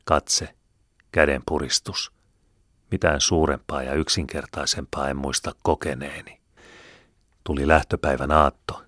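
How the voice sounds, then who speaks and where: Very deep-voiced solemn male narrator. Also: little pitch movement, a bit bright, dry recording, studio quality. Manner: measured, solemn, reflective. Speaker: audiobook narrator. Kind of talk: scripted first-person narration.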